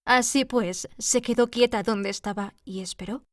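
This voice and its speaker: A woman reads a classic children's tale aloud at an even, measured pace. Her voice sits slightly high for a woman, and the recording is close and completely dry. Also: no echo. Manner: steady measured reading. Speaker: audiobook reader. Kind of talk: storybook narration.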